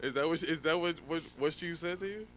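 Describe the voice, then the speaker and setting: A man's voice: fairly high pitch, a little fast, a bit bright. A man co-hosting a live podcast, teasing his partner and laughing often. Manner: teasing, laughs a lot, profane. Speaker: podcast co-host. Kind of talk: casual live podcast chat.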